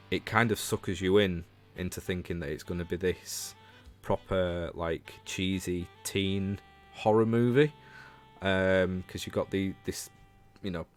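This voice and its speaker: A low-pitched Northern English man from Leeds, England, works as a livestreamer and show host, chatting casually about games and replying to viewers.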